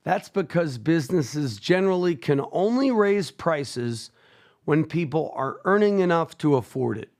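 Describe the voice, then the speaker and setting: A man's voice: on the high side, animated, measured pace, darkish tone. A man hosting a radio call-in show, explaining topics steadily and repeating the call-in phone numbers.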